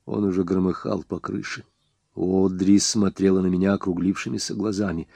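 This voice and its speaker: Low-voiced man reading a crime novel. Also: normal speed, vocal fry, breathy edge, no echo. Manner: expressive, with sharp raised outbursts for the hero's lines. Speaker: audiobook narrator.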